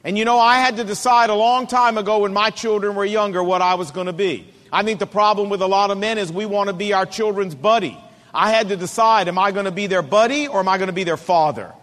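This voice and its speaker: A middle-aged man preaching a sermon to men, with an emphatic, repetitive cadence, slowing down to press his points. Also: high-pitched, a bit bright, big-room sound.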